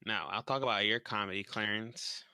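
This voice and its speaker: A man's voice: fairly low pitch, fairly even intonation, moderate pace, sharp tone, clean tone, dry recording. A man co-hosting a podcast in casual chat over an online voice call, with a dry sense of humor and plenty of swearing. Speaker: podcast co-host.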